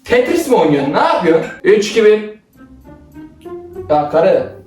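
A man's voice: high voice, very animated, moderate pace, darkish tone. A young man bossily directing his little sister through a playful skit, teasing her and often laughing. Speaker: older brother directing a skit. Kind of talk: playful sibling role-play skit. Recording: roomy, from a distance, faint music.

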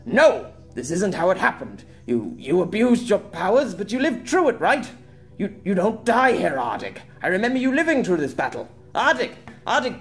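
A man voicing a desperate young male fighter in an audio story, shouting and pleading. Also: mid-range voice, natural voice. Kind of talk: audiobook character voice.

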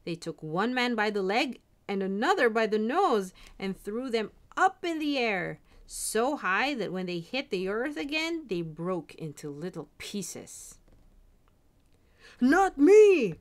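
A woman reading a fairy tale aloud in an animated storytelling manner. Her mid-pitched voice swings widely in tone as she follows the story. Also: a little slow, few pauses.

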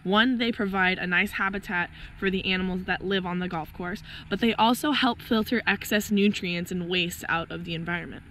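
Hoarse young woman, enthusiastic nature vlogger, outdoors with faint ambient noise. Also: on the low side, brisk, few pauses, fairly bright tone. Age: young adult. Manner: chatty, enthusiastic explainer. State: hoarse, losing her voice. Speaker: biology student filming wildlife. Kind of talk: casual outdoor nature vlog. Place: outdoors on a golf course.

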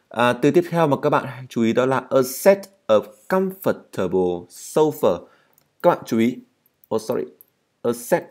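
A Vietnamese man with a Vietnamese accent teaching an English speaking lesson, explaining slowly and repeating words to model their pronunciation. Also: medium pitch, a little mellow.

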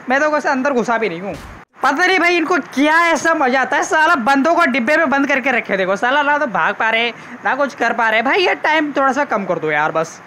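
A man commentates his gameplay live. His voice sits high and bright. He is excitable and keeps up joking, casually crude banter. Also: a little hiss or hum. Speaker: gaming YouTuber.

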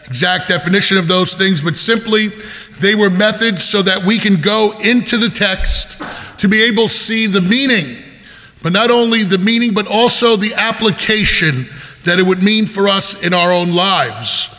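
A man's voice: high voice, moderate pace, sharp tone. Man, priest, homily, teaching tone, verse-by-verse, long church reverb.

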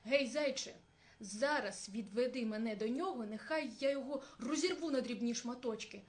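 A woman voicing a fierce, hungry male bear who shouts threats. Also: on the high side, normal speed, close to an everyday voice. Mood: furious.

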